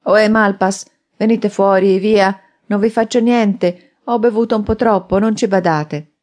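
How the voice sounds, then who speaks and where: A woman narrator voicing a drunken, furious man who shouts and threatens. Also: medium pitch, steady tone, unhurried, pitched above the performer's own voice, lightly acted. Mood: pleading. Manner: loud, shouting, blustering.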